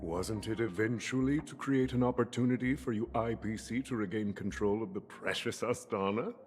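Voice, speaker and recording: A man voicing a shrewd, chuckling very old tycoon in a video game, with a theatrical, deliberate old man's delivery. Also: lowish voice, a little mellow, lightly acted. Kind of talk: video game story acting. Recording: long reverb, music behind.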